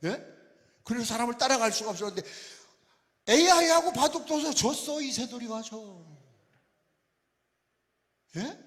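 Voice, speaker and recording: A man's voice: extremely high pitch, fairly bright tone. An older man from Chungcheong, Korea, a pastor preaching a revival sermon in a folksy, teasing way and quizzing his congregation. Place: large church sanctuary. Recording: long hall reverb.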